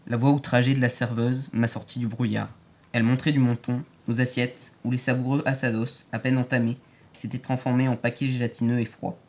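A man narrating an audiobook in a clear, steady storytelling manner. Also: mid-range voice, fairly quick.

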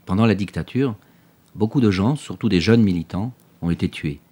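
A man's voice: fairly low pitch, normal speed, warm tone, husky. A wry, joking father. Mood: explaining. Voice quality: dry, teasing humor. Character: wry, easygoing adult father, fond of dry jokes. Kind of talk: audiobook drama acting.

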